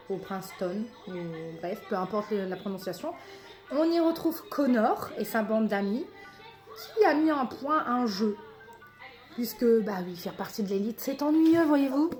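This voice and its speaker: A woman with a French accent chatting excitedly about books as she unboxes them, laughing often and reading the blurbs aloud. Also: fairly high pitch. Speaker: book vlogger. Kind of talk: casual unboxing chat.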